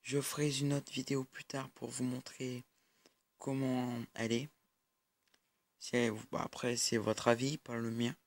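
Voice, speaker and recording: Man, young, gameplay commentary, monotone, halting, lots of fillers. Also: mid-range voice. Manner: hesitant, many fillers and restarts. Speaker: gaming YouTuber.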